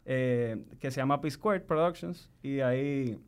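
A man's voice: medium pitch, measured pace, clean tone. A man with a Dominican Spanish accent chatting casually, very slangy, telling stories by acting out what people say. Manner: slangy, animated storytelling with acted-out quotes. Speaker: guest, videographer. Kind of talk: casual chat.

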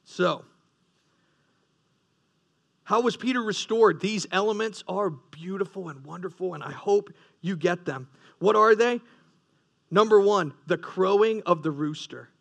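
A man's voice: sits high, a little slow, gravelly, pauses often, fairly bright tone. A man preaching a sermon, full of rhetorical questions and repeated, restarted phrases. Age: adult, past his teens. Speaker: pastor.

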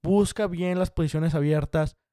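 Smooth-voiced young man. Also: fairly high pitch, steady tone, warm tone, no room sound, clean studio sound. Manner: direct, brisk and encouraging, addresses the viewer as "you". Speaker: career advice vlogger. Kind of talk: casual explanatory talk to viewers.

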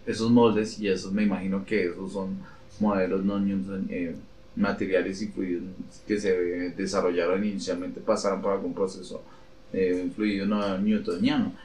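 Male host, low-ish voice, excitable and jokey, echoey room with faint noise. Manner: joking, excitable, asks rambling questions. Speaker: podcast host. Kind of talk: casual chat.

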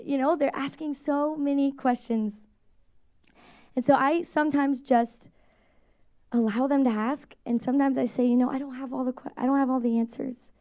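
High-voiced woman pastor preaching casually. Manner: conversational, animated preaching with quoted voices. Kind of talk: sermon.

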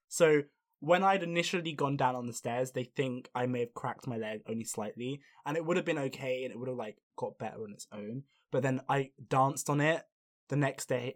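A young man hosting a podcast, telling a story in casual chat, animated and swearing freely. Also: medium pitch. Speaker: podcast host.

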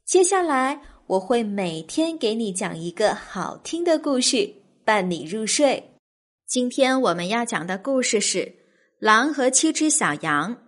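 A young woman hosting and reading a bedtime story in a gentle, animated manner. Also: on the high side, unhurried.

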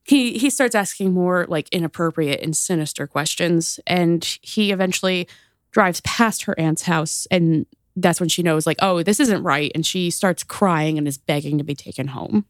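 A woman's voice: fairly low pitch, moderate pace, dry recording, clean studio sound. An American woman co-hosting a true-crime podcast, telling the story in a casual, chatty way with many fillers. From United States. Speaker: podcast co-host.

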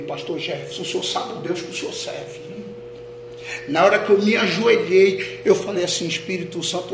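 A man, a pastor, telling a testimony in a sermon, dropping to a hush and rising to shouts. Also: fairly high pitch, gravelly. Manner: dramatic storytelling, swings from hushed to shouting. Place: church hall. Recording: echoey hall with noise.

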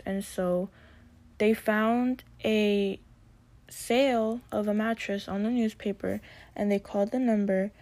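This host is a young woman with a mellow, medium-pitched voice. In a casual chat, she describes her fears and a cartoon vividly and chattily.

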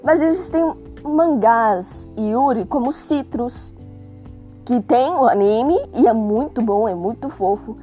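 A woman's voice: a little high, slow pace, warm tone. A young adult woman with a Brazilian accent and a sore, worn throat, narrating casually in a chatty, joking, self-deprecating way with exasperated asides. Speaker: host reading a magazine aloud. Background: music.

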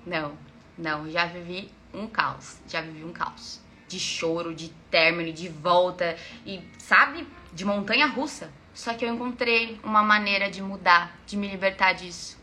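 A woman coach with a Brazilian Portuguese accent, telling a personal story to followers in a live online talk, animated and addressing them directly. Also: mid-range voice, slight background noise.

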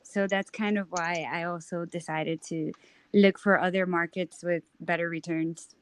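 A woman's voice: fairly low pitch, fairly even intonation, unhurried, no echo. Chatty young New woman. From New York. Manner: chatty, many ums and I-means. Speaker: guest. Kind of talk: casual interview.

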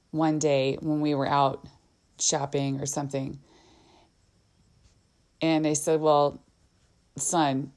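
Low-voiced woman speaking slowly and earnestly. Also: darkish tone, dry recording. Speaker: mother sharing parenting stories. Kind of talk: reflective first-person narration.

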